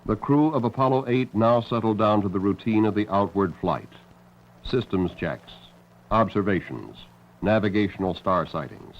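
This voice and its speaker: A man delivers scripted documentary narration in a fairly deep voice. The soundtrack is slightly muffled, like an old film. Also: animated, moderate pace, a little hiss or hum. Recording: dull band-limited old film soundtrack.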